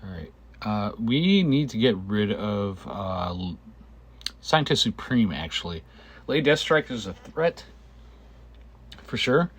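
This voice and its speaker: A man giving casual gameplay commentary, halting and thinking aloud, with a cough and frequent throat clearing. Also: on the low side, very animated. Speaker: gamer narrating own gameplay video.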